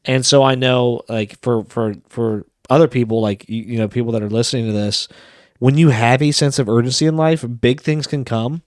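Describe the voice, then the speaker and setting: A man's voice: medium pitch, normal speed, dry recording, studio quality. A man co-hosting a casual business podcast, talking in a rambling way with many restarts and fillers. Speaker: podcast co-host.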